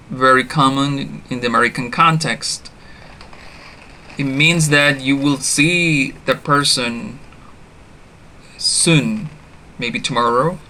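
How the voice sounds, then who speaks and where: A man teaching a beginner English lesson online. He repeats each example phrase for learners to copy and stops to correct himself with a quick "sorry". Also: mid-range voice, sharp tone, a little hiss or hum.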